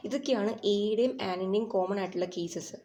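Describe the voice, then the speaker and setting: A woman's voice: medium pitch, dark tone. Malayali woman teaching grammar patiently. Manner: explains patiently, repeats English examples slowly, checks understanding. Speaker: exam coaching teacher. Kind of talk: grammar lesson mixing Malayalam and English.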